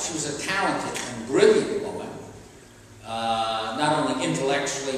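An older man preaches from a pulpit in a plain, conversational way, pausing on fillers and starting sentences over. His voice sits at an ordinary middle pitch. It reaches a distant camera through the long, echoing reverb of a large church. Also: slight background noise. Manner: conversational, halting with fillers and restarts. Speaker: priest. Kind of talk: sermon. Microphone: stand mic at a pulpit.

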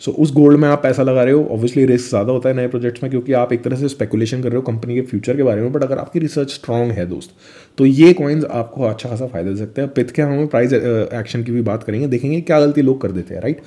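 A young man talks through price charts in a loose, chatty way, dropping fillers and mixing in phrases. His voice sits in a mid range with a mellow, darker tone. He sounds like a vlogger addressing his regular viewers directly. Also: mid-range voice, fast talker. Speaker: crypto vlogger. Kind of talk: screen-share chart walkthrough.

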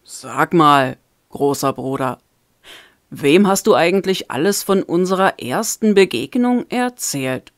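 A woman's voice: low voice, expressive, a little slow, no room sound, studio quality. A woman reading the part of a sheepish, defensive younger brother in a storybook. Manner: sighing, defensive.

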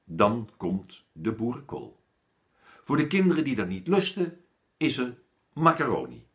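A man, an author, reading a children's story aloud with an expressive storytelling manner. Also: mid-range voice, measured pace. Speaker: author reading his own book.

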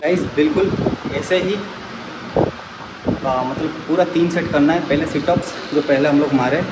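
A man's voice: fairly high pitch, normal speed. A man in his thirties from India, chatting casually and coaching through exercises in a fitness vlog, recorded on a phone in an indoor gym. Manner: chatty, coaching, counts breaths during reps. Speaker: fitness vlogger. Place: indoor gym, large echoey room. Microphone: phone camera, often held at arm's length or set on the floor. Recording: echoey gym, voice often far from the phone, gym noise behind.

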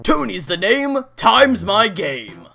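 A woman's voice: medium pitch, big pitch swings, takes it slowly, gravelly, bright, forceful tone, soft background music, exaggerated voice. A woman voicing a short-tempered, theatrical talking alarm clock who teaches in a cartoon fan dub. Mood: showy, insistent.

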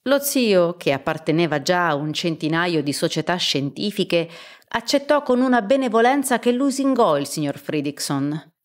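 A woman's voice: on the low side, very animated, moderate pace. A woman reading a novel aloud at sight as an audiobook, unrehearsed, sometimes restarting a phrase. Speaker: audiobook reader.

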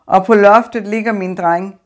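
A woman's voice: medium pitch, fairly even intonation, natural voice. A woman voicing a grieving, despairing man who speaks in weary laments.

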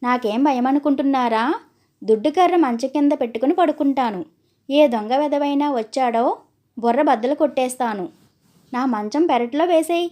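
A woman's voice: high-pitched, normal speed, warm tone, close to an everyday voice. A woman reading as a cowardly stingy merchant. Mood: boastful. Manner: boastful then pleading.

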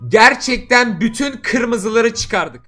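A man commenting on crate openings, teasing his friends with laughs and shouts. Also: very high voice, lively intonation, takes it slowly, soft background music. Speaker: gaming YouTuber. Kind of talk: excited gameplay chat.

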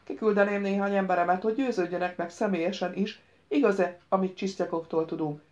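A wary, reluctant older police major weighs the risks, as a woman reads him in an audiobook. He speaks in a doubtful, questioning manner at a medium pitch. The recording is muffled and lo-fi. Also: steady tone, a little mellow, close to an everyday voice. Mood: explaining. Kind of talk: audiobook reading.

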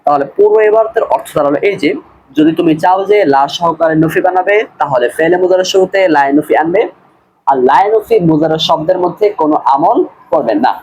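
A man's voice: a little high, quick pace, darkish tone, a little hiss or hum, low-quality recording. A man teaching a recorded class, patiently translating a text word by word, repeating and correcting pronunciation. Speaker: madrasa grammar teacher. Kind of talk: screen-based recorded class, line-by-line translation.

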